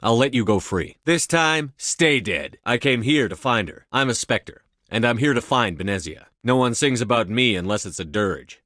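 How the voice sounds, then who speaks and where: A man's voice: medium pitch, animated, moderate pace, hardly any pauses, fairly bright tone, dry recording, studio quality, close to an everyday voice. A man playing a tough military space commander in a video game, speaking in a terse, firm, authoritative way. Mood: forceful, resolute. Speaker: video game lead voice actor. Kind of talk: scripted game dialogue.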